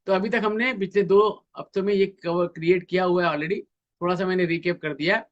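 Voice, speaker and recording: A man's voice: high voice, steady tone, a little fast, muffled recording. A man speaking in a webinar on communication skills, acting out both sides of everyday conversations to make his points. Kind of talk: webinar talk.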